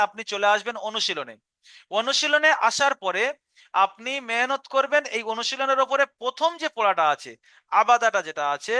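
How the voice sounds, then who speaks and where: A man's voice: extremely high pitch, pushed and bright, clear, resonant tone, no room sound, studio quality. A male Quran reading teacher giving a live online lesson, patiently explaining step by step and sounding out syllables aloud. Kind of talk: live online class instruction.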